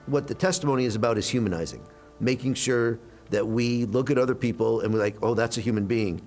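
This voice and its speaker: A man's voice: medium pitch, fast talker, darkish tone, faint music behind. A man interviewed as a foundation representative, explaining in a reflective way with occasional fillers.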